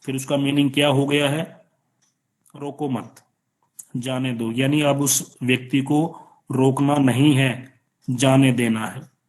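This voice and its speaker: A man teaching an online class with an Indian accent, explaining slowly and patiently with repeated examples. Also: medium pitch, little pitch movement. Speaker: college teacher. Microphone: online class, computer or phone mic.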